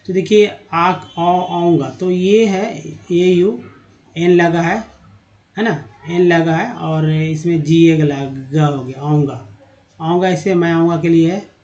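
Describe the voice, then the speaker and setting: A man, teaching in a slow lesson and reading word lists aloud syllable by syllable. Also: a little high, steady tone, darkish tone, muffled recording. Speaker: English teacher.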